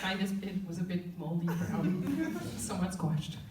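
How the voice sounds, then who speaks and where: A woman performing a comic personal story on stage in an animated, profane, playful way. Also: fairly low pitch, unhurried, reverberant, distant mic, a crowd in the background.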